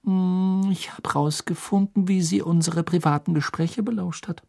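A man's voice: sits high, steady tone, creaky, a little mellow, voice pushed up. A man voicing a clever, eager teenage girl witch, telling secrets with triumph. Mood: excited, triumphant. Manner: eager, triumphant, quick-talking.

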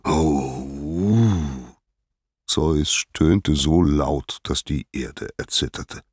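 A man narrating a myth in an expressive, measured storytelling manner. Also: rumbling low, dry recording, clean studio sound.

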